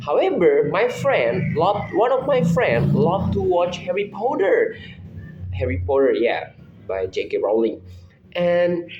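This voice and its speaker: A young man with an Indonesian accent talks through assignment questions in a loose, reflective way, often breaking off to restart his sentences. His voice sits a little high for a man. The recording is roomy and slightly dull. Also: sing-song, measured pace, loud music behind the voice. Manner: casual and reflective, with frequent restarts. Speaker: student. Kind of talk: spoken assignment answering questions.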